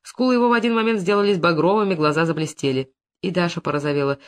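Measured man narrating a novel. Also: high voice.

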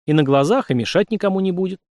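A man voicing an obliging army lieutenant who speaks briskly and matter-of-factly. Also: high-pitched, expressive, a little mellow, no echo, clean studio sound, voice pushed up. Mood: helpful.

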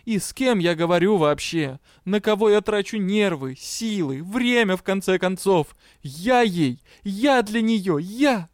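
A man's voice: high voice, expressive, moderate pace, no room sound, clean studio sound, voice pushed up. A man voicing a hot-tempered young male drow detective who scolds and rants in exasperation. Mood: lecturing.

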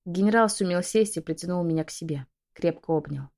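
A woman narrates a fantasy romance audiobook in the first person. Her slightly low voice is emotional and often sinks to a breathy hush. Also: brisk.

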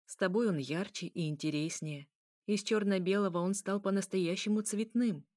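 A woman reading aloud voices a male vampire who speaks calmly and coolly, with a gently mocking edge. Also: mid-range voice, normal speed, dry recording, clean studio sound, lightly acted. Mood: tender. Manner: calm, cool, gently mocking. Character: smooth, calm, teasing male vampire.

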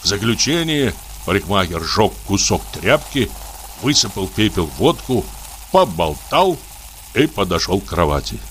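Audiobook narrator, male, expressive pitch, measured literary reading, faint noise. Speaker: audiobook reader.

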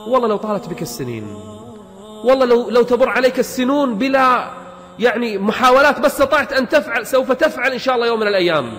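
A man's voice: very high voice, animated, very fast, fairly bright tone. A man preaching a motivational sermon, emphatic, firing rhetorical questions and repeating himself for force. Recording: long hall reverb with background music.

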